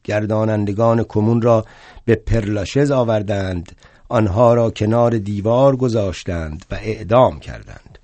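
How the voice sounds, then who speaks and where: A solo stage performance features an older man as a proud, indignant aging revolutionary thinker, telling his story with wry humor and breaking into indignant shouts. His lowish voice is lightly acted, with no echo.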